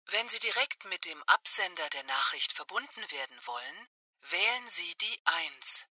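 A woman playing an automated phone menu and answering announcement, speaking in a measured, scripted way. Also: lowish voice, expressive, bright, forceful tone, dry recording, distant mic, exaggerated voice. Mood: neutral, formal. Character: female automated voicemail and telephone announcement voice.

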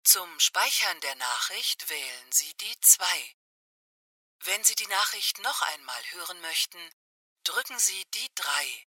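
A woman playing an automated phone menu and answering announcement, speaking in a measured, scripted way. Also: lowish voice, lively intonation, sharp tone, dry recording, far from the mic, heavily acted. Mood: neutral, formal. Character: female automated voicemail and telephone announcement voice.

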